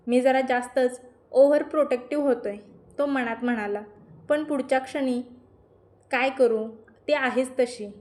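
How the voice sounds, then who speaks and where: A woman tells a heartfelt story in a soft, emotional narrating voice. Her pitch sits a little high, and she reads the dialogue gently within the flow of the narration.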